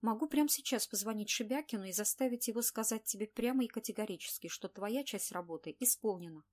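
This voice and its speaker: A woman voicing a brisk young makeup artist who scolds her sick friend, in an audiobook reading. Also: medium pitch, darkish tone, natural voice. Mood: bossy.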